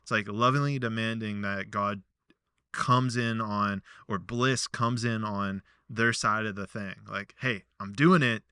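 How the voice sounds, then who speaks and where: A man's voice: on the low side, a little slow, clear, resonant tone, no echo, clean studio sound. A male podcast host telling a story casually, rambling with lots of fillers. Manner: rambling, filler-heavy, animated.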